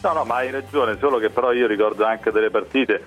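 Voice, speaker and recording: A man's voice: medium pitch, quick pace, faint music behind. A man discussing football as a radio guest over the telephone, hesitating and repeating words as he builds points. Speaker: newspaper editor as phone-in guest. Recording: narrow tinny phone line.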